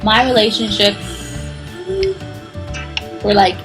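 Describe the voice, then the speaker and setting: A woman's voice: medium pitch, slow pace, music in the background, rough recording. A young woman hosting a casual talk, rambling and swearing freely. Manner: profane, animated, rambling. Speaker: podcast host. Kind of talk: casual chat.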